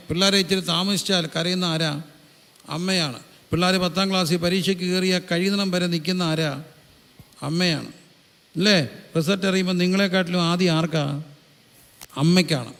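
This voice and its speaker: A man's voice: sits high, long reverb tail. A man preaching a sermon as a pastor, asking the congregation questions and answering them himself.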